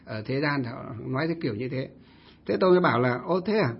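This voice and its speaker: A male Buddhist monk telling a story in a casual, lively way, often acting out what others said. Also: medium pitch, rapid-fire, vocal fry, husky. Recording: dull lo-fi recording.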